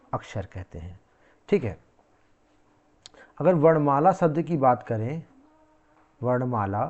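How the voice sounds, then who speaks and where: Male teacher, lecture style, repeats and quizzes the class; warm dark tone. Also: mid-range voice, dull audio. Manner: repeats key words, quizzing the class with questions.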